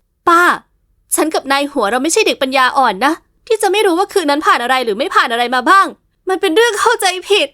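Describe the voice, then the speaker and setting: A woman voicing a tearful eighteen-year-old housemaid girl who pleads in a high, whiny voice. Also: moderate pace, fairly bright tone, dry recording, studio quality. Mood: pleading upset.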